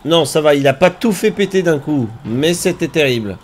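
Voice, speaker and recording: A man's voice: a little high, moderate pace. Jumpy French-speaking streamer man. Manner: excitable, yelps and groans, talks to enemies. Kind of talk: live gameplay commentary.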